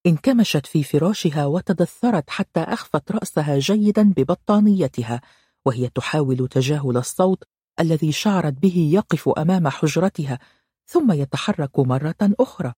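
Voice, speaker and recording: A woman narrating an audiobook with steady storytelling. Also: deep voice, normal speed, husky, no echo, clean studio sound.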